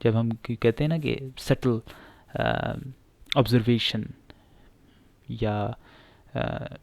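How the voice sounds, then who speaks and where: A man's voice: medium pitch, steady tone, very slow, creaky, a little mellow, no room sound. A man teaching pronunciation, explaining patiently and repeating each word several times, with frequent filler sounds.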